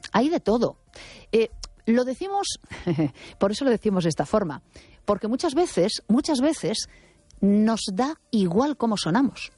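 A woman on opinionated radio talk argues her points firmly and assertively, correcting the other speaker. Her voice is mid-range with a dark tone, recorded very dry with no echo or room sound.

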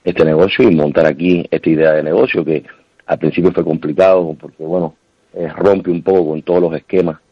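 Man, Cuban accent, very low voice, chatty, restarts, muffled dry phone line. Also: fairly quick, slightly rough, no echo. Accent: Cuban Spanish. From Cuba. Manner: relaxed, chatty, many restarts. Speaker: restaurant owner and singer. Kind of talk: phone-in radio interview.

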